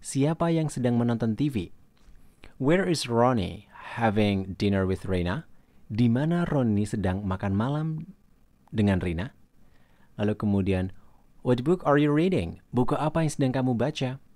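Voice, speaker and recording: A man teaching English grammar in a recorded lesson. He reads English example questions slowly and then translates them. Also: medium pitch, expressive, warm tone, dry recording.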